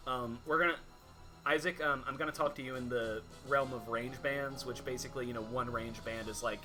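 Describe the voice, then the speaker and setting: A man runs a tabletop game in a casual, halting way, improvising as he explains. His voice is bright and mid-pitched, with faint music behind him. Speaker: game master.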